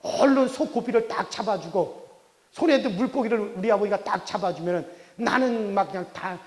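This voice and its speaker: High-voiced man preaching in a reverberant church. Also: brisk, darkish tone. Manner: folksy storytelling with many rhetorical "eh?" checks. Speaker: pastor. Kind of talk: sermon with a childhood story. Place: church sanctuary. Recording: long church hall reverb.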